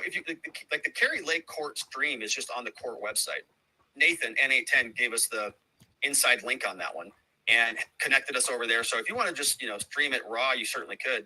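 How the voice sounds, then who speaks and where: A man's voice: on the high side, pushed and bright, poor audio. A middle-aged man hosting a livestream, chatting casually and thanking viewers by name between asides. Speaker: livestream host.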